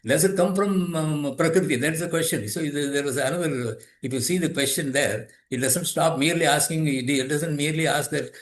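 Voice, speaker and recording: This guest, a yoga teacher and author in his eighties, explains philosophy conversationally, thoughtful yet prone to restarting and repeating his phrases. His pitch is fairly high and he speaks a little fast with few pauses, in a reverberant space.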